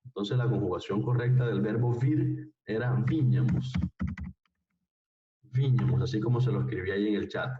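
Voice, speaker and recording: A man's voice: mid-range voice, roomy sound, recorded from a distance, phone-quality sound. A man teaching an online Portuguese class, patiently repeating phrases and checking with his students as he goes.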